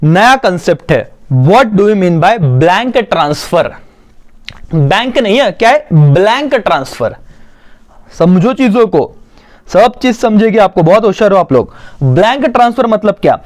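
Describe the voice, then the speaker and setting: A man teaching a commerce exam-prep lesson, who dictates slowly and then explains quickly. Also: high voice, sing-song.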